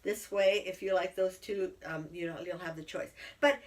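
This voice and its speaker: A woman's voice: on the low side, steady tone, moderate pace. Chatty middle-aged woman, slightly distant mic. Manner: chatty, rambling with fillers. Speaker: podcast co-host, yarn dyer. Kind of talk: casual chat.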